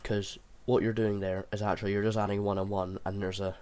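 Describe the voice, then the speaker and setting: A man's voice: lowish voice, little pitch movement, brisk, darkish tone. A man who sounds unwell, giving an informal, hesitant gameplay tutorial as he thinks aloud. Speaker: video creator explaining a game build. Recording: clear background noise, mouse and keyboard clicks.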